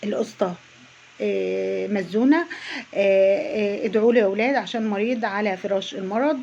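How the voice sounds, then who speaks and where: A woman's voice: medium pitch, fairly even intonation, brisk, creaky, mellow, lo-fi sound, slight background noise. A woman with an Egyptian accent doing a mocking reaction vlog, chatting straight to her viewers. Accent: Egyptian Arabic. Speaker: YouTube reaction vlogger. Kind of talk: casual sarcastic reaction commentary.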